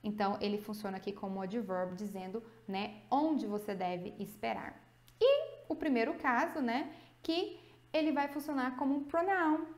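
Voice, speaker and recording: A woman with a Brazilian accent teaching an English grammar video lesson, explaining with lively emphasis and slowly drawing out her example words. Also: fairly high pitch, roomy sound. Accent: Brazilian Portuguese.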